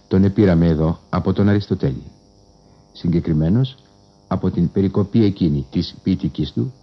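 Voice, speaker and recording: A man delivering a formal scholarly radio lecture in a measured, precise manner with old-fashioned learned phrasing, heard on an old 1960s radio broadcast. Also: low voice, dull audio.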